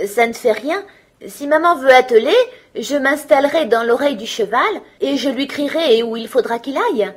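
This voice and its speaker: A tiny, clever boy pipes up in a high, chirpy voice, as a woman reads him. He calls out eagerly and boldly in this storybook tale. A husky grain runs under the brightness. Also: moderate pace.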